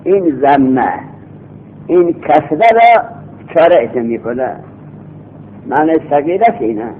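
A man teaching a grammar class, repeating each rule slowly and then explaining it in quick bursts, heard from an old cassette recording. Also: on the high side, animated, slightly rough. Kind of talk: classroom lecture. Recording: lo-fi cassette tape, thin phone-like sound.

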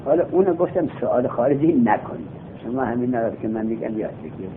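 A man teaching Arabic grammar in a classroom lesson. He reads each line of the text slowly, then explains it and quizzes his students. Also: expressive. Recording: tinny phone-like recording with faint rumble.

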